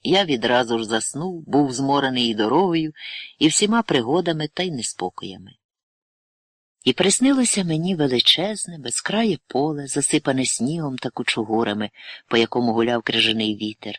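Male narrator, mid-pitched, close dry studio sound, measured literary audiobook read. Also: lively intonation, no echo.

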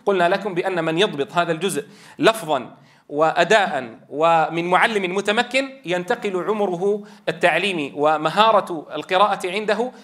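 Man, high voice, teacher lecturing a class, explains step by step, rhetorical questions. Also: brisk, a bit bright. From Levant. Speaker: Quran teacher trainer.

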